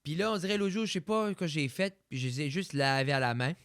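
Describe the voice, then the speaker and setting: A young Quebec French man chatting on a podcast. His voice sits a bit high and rises and falls a lot as he talks. He mixes English words into his French, recorded close and dry. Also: lively intonation, quick pace, a bit bright, dry recording. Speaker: podcast co-host. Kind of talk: casual chat.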